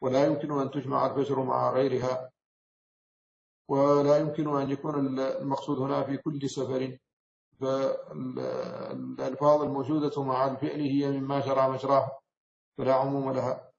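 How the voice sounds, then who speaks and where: A man from Mauritania, an Islamic scholar, giving a measured explanatory lecture on a classical text, often pausing and correcting himself. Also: mid-range voice, level tone, gravelly, a little mellow. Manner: measured, explanatory, with frequent self-corrections and hesitations. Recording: roomy, slightly dull recording.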